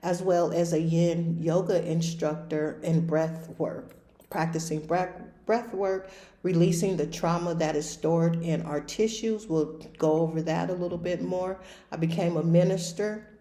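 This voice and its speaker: A woman's voice: lowish voice, steady tone, measured pace, warm tone, roomy sound. A woman in her fifties, a recovery life coach hosting a podcast, talking plainly and directly in casual conversation. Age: 50s.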